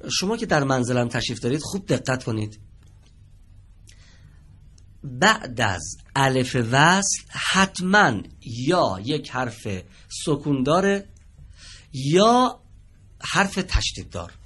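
A male teacher leads a televised reading lesson from a studio. His pitch rises and falls a great deal as he speaks. He talks patiently, quizzing his students and echoing back their answers. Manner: patient, asks questions and repeats answers.

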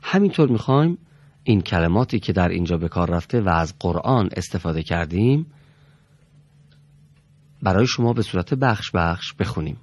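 A man's voice: deep voice, lively intonation, long pauses, a little mellow, no room sound. A man teaching a Quran reading class, politely calling on students and patiently correcting how they pronounce each letter. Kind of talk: classroom recitation lesson.

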